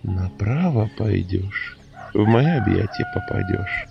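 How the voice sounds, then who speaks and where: A man voicing a menacing swamp master spirit, slow and taunting. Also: fairly low pitch, wildly swooping pitch, muffled recording, exaggerated voice. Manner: slow, creaky, taunting whisper-like delivery. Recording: music behind the voice.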